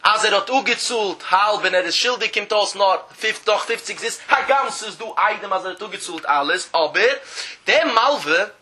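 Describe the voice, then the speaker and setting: A man's voice: sits high, animated, moderate pace, sharp tone, a little hiss or hum. A man teaching a traditional study-hall lesson in a sing-song chant, drawing out phrases and acting out the voices of the people who argue over a debt. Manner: acts out the disputing parties in quoted voices. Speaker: Talmud teacher.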